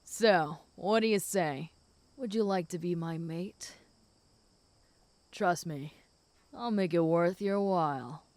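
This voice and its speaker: A woman voicing a flirty, possessive and protective female werewolf in an intimate audio role-play, speaking teasingly to the listener in a smooth voice. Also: lowish voice, slow pace, pauses often, dry recording. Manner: flirty, teasing, with soft chuckles.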